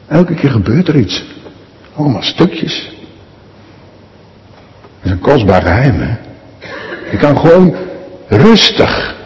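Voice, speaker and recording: A male pastor giving a sermon to his congregation, his pitch rising and falling as he speaks. He talks in a conversational way and keeps asking the listeners questions. His voice carries a long echo from the church hall. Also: darkish tone.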